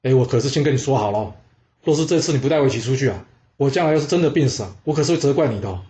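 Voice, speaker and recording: A man's voice: medium pitch, expressive, rapid-fire, dark tone, lightly acted. A headstrong old general with a brash, insistent way of talking, voiced by a man telling a story. He exclaims and presses his point, proud and unbending. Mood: teasing. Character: old male general, bold and stubborn.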